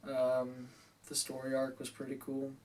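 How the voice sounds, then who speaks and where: A man's voice: medium pitch, completely flat delivery, unhurried, darkish tone. Young dude rambling about stuff he likes, says thoroughly a lot, mic a bit far. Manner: rambling, repeats himself. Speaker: co-host. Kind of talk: casual chat.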